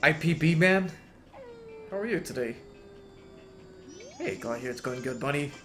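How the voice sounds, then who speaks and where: A man streaming a speedrun, greeting viewers by name and reacting with sudden excited outbursts. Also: a little high, normal speed, faint music behind. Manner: greets and answers chat, bursts into excited exclamations. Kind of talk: casual live-stream chat while gaming.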